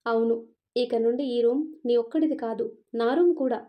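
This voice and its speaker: A woman's voice: a little high, moderate pace, lightly acted. A woman doing a cheeky sleepy young bride. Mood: sassy. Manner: sassy, retorting. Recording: dull lo-fi recording.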